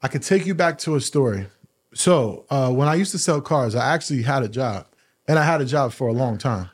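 A man hosting a podcast, telling a personal story in a casual, animated way, often repeating words and using slang. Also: brisk, slightly rough. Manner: animated, acts out quoted dialogue with raised pitch; uses casual slang and profanity. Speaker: podcast host.

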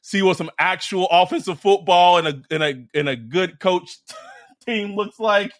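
A man's voice: sits high, measured pace, no room sound, clean studio sound. A man hosting a sports podcast in casual, slangy fan banter, swearing freely and repeating phrases for emphasis.

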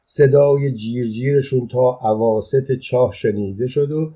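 A man reading a short story aloud in the first person, calm and even, in colloquial speech. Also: medium pitch. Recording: dull lo-fi recording.

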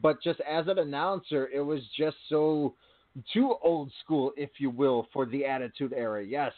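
A man's voice: fairly high pitch, normal speed. A man co-hosting a wrestling podcast, laid-back and laughing easily in casual talk. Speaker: podcast co-host. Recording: tinny phone-line audio.

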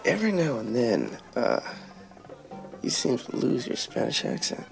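A man's voice: medium pitch, wildly swooping pitch, measured pace, vocal fry, faint music behind, exaggerated voice. An actor playing a cheeky young male police cadet in a film clip, speaking in a teasing, amused way. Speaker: film character in a comedy clip.

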